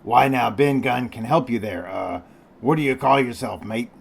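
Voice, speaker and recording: A ragged old sailor left alone for years on an island, as a man reads him aloud. His voice comes out cracked and rusty, and he drawls his words slowly. The voice suits a read-aloud storybook. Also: medium pitch, gravelly, breathy edge. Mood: pleading. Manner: slow, drawling sailor's speech. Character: ragged, half-wild old marooned male sailor.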